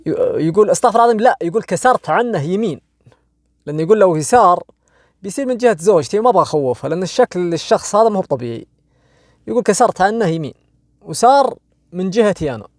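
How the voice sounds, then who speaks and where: A man's voice: a little high, gravelly, darkish tone, no echo. A young man with a Saudi accent retelling a horror story to his audience, casual and conversational, drawing out the tense moments. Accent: Saudi Arabic. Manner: conversational, asks listeners "you know?", frequent restarts; swings between quick asides and slow, dramatic drawn-out phrases.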